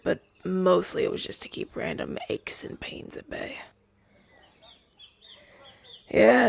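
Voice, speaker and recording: A young man voices a chatty, down-on-his-luck crow demon, formerly a witch's familiar, in a roleplay audio drama. His voice sits high and is gravelly and exaggerated, with a hesitant, stammering delivery in a dry recording.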